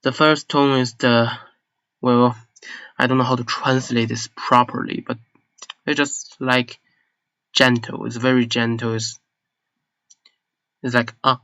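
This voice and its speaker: A man whose first language is Mandarin talks through a casual lesson at a slow, careful pace and often stops to find the right word. His voice is recorded close and dry on a slightly dull, lo-fi mic. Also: medium pitch, level tone, a bit bright, dry recording. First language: Mandarin Chinese. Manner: unhurried, searching for words, self-deprecating. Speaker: video creator explaining a language.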